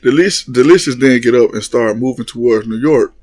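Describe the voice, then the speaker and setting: A man's voice: mid-range voice, fairly quick. A man casually recapping a reality show reunion, laughing often, swearing freely and acting out what the cast members said. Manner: animated, laughing, profane, mimics cast members.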